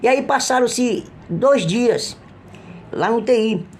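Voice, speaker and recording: A middle-aged man with a Brazilian Portuguese accent giving an emotional personal religious testimony, halting and earnest, with frequent restarts. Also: very high voice, expressive, slight background noise. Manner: halting, with repeated restarts and trailing phrases; earnest, pleading when retelling cries for help.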